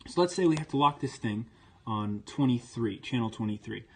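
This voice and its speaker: Walking through vintage military radio gear step by step, a male presenter keeps his hands-on demo informal and plainspoken. He speaks at a moderate pace in an animated, medium-pitched voice with a darkish tone.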